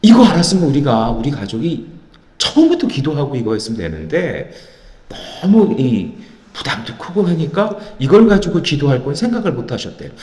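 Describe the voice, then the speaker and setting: A man's voice: a little high, big pitch swings, normal speed, darkish tone. A middle-aged male pastor telling a story in a sermon, acting out the dialogue as he goes. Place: church sanctuary. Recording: echoey church hall.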